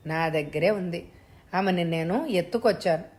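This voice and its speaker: A woman's voice: lowish voice, moderate pace, a little mellow, close to an everyday voice. A woman voicing a menacing male kidnapper who makes threats over the phone with cold, mocking politeness.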